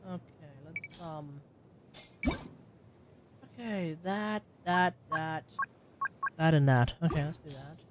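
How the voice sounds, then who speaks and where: Playing on stream, a young Aussie adult muses aloud and chats casually with his viewers, with the odd sudden loud outburst. He takes it slowly at a medium pitch, pausing for long stretches, amid heavy background noise.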